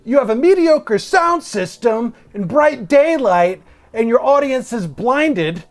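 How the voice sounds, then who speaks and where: A man's voice: extremely high pitch, expressive, takes it slowly, soft background music, voice pushed up, heavily acted. A man voicing an exasperated male comedy booker, whining and incredulous. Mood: indignant.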